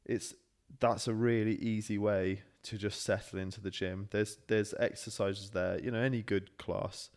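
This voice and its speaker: Male podcast co-host, thirties, lowish voice, laid-back and jokey, unscripted conversational delivery. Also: steady tone, moderate pace, hardly any pauses, a little mellow, clear, resonant tone. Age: 30s. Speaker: podcast co-host, fitness class instructor. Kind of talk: casual unscripted podcast chat.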